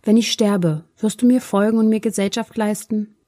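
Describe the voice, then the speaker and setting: A dying old king, lonely and full of regret, pleads softly with his wives as a woman reads the tale aloud. The voice is mellow and warm, with an airy, breathy edge. It sounds like a gentle storybook reading. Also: high voice, steady tone, moderate pace. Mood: pleading.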